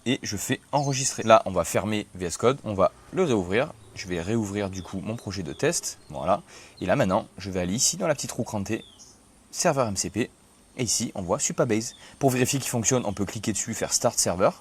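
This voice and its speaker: A young man casually explaining software setup step by step in a tutorial video. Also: on the low side, expressive, brisk, husky. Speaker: tech tutorial host. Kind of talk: screen-recorded software tutorial.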